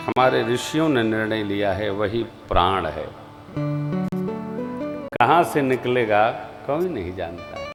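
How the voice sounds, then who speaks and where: A male Ram Katha preacher gives a devotional sermon in a lowish, animated voice, slow and emphatic, over faint background music. He swings between soft asides and loud rising exclamations and chants scripture verses in a drawn-out singsong.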